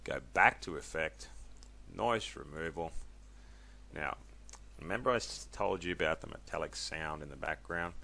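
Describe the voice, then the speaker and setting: A man casually walking viewers through a software tutorial, chatty and loose, with many ums and self-corrections. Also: very deep voice, moderate pace, vocal fry. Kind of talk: casual screen-recorded tutorial.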